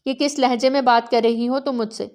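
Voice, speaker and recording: A woman's voice: on the high side, fairly even intonation, a little mellow, close to an everyday voice. A woman voicing a harsh, domineering grandmother in her seventies or older who scolds sharply in a storybook reading. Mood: scolding.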